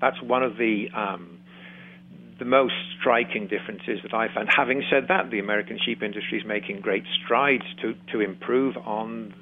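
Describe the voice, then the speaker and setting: A man with an English accent, from Shropshire, talking as an interview guest in an easygoing, halting way full of fillers, heard over a remote line. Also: on the low side. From Shropshire, England. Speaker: guest, farming consultant and radio host. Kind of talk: casual interview talk. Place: remote, not in the studio. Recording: tinny phone-like line.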